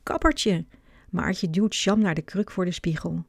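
A woman reading a children's book aloud with clear, expressive narration. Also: on the low side, moderate pace, no room sound, studio quality. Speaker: storyteller.

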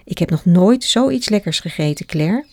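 A woman's voice: fairly low pitch, lively intonation, moderate pace, darkish tone, no echo, studio quality. A woman reading the lines of a friendly young male swimming coach in a children's storybook. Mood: fond.

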